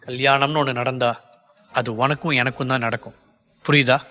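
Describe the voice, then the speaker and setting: A man's voice: mid-range voice, level tone, moderate pace, sharp tone, long reverb tail, natural voice. A man voicing a cornered young man who pleads with his lover to trust him, in an audiobook. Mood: firm. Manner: earnest, pleading, reassuring.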